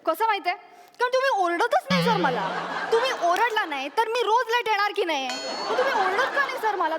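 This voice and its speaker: A woman's voice: very high-pitched, fairly bright tone. A woman on stage playing a chatty young secretary who is always late, rambling through giggly, pleading excuses. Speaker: talent show contestant. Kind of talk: stage comedy monologue. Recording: echoey hall with audible noise.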